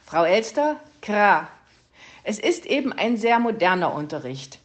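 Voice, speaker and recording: A woman reading a storybook and voicing a fussy, scholarly male raven who croaks "Kra" at the end of his sentences. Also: medium pitch, sing-song, measured pace.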